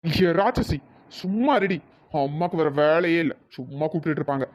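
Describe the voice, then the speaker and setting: A man's voice: on the high side, expressive, a little fast, close to an everyday voice. A man voicing an irritated young husband in a cartoon, grumbling and snapping. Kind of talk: cartoon voice acting. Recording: dull lo-fi sound.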